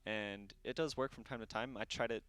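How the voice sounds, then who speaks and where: A man chatting casually as a raid leader on a livestream. He speaks in a somewhat low voice, laid-back and loose, dotted with fillers and easy laughter. The talk is relaxed and unscripted. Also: a little fast, clear, resonant tone, no room sound.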